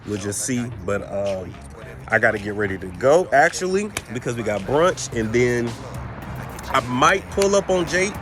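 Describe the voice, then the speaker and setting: A man in his thirties talks straight to his viewers in a loose, rambling, slang-heavy vlog voice, swearing freely. His pitch sits right in the middle. Music plays clearly behind him. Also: sing-song, moderate pace. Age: 30s. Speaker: vlogger. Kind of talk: casual vlog chat.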